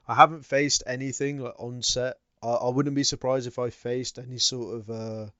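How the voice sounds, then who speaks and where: A young man with a smooth, clear voice co-hosts a podcast, picking his way through his thoughts with ums and pauses. The recording is dry and slightly dull and lo-fi. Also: medium pitch, little pitch movement, sharp tone, no echo. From United Kingdom. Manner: hesitant, full of ums and pauses. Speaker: podcast co-host. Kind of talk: casual chat. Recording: dull, lo-fi mic.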